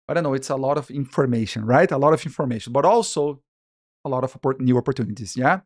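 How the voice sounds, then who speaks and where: A native Portuguese speaker with a Brazilian accent teaches a live online masterclass on the business of illustration. He speaks fast in a mid-range voice, animated, often restarting sentences and checking in with "yeah?" and "guys".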